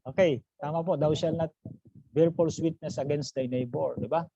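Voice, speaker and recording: A man, a pastor, runs an online class by video call, quizzing students he calls brothers and sisters and mixing in English phrases. His warm voice sits on the high side, fairly even at a moderate pace. The recording is dry, dull and lo-fi.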